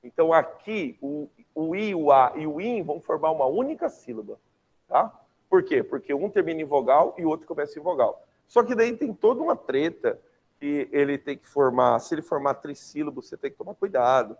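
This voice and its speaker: This young adult teacher, who has a Brazilian Portuguese accent, leads a lively online class peppered with slang and frequent check-ins with students. He speaks fairly quickly in a fairly high voice.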